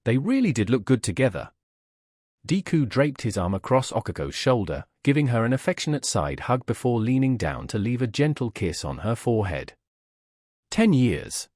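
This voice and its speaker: A man narrating a romance fanfiction story in an expressive, dramatic reading. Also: medium pitch, brisk, dry recording, clean studio sound. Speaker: fanfiction reader.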